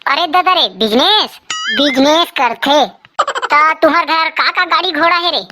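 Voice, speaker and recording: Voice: high-pitched, a little slow, noisy background. A performer with a Chhattisgarhi accent voicing bickering cartoon census takers and villagers, in squabbling, slangy comic dialogue.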